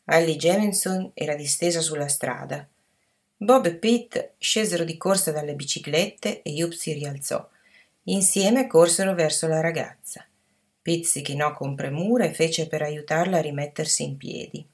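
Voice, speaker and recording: A woman reads a children's story aloud as an audiobook narrator. Her voice sits low and has a gravelly creak, and she keeps an even, measured pace through the narration.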